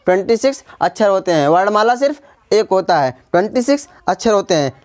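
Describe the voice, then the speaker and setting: A woman's voice: medium pitch, very animated, quick pace, a little mellow. A woman teaching basic English grammar in Hindi, repeating terms and spelling words out letter by letter, with a Hindi accent. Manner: repetitive, spells words letter by letter, frequent "ठीक है" check-ins. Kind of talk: classroom-style grammar lesson.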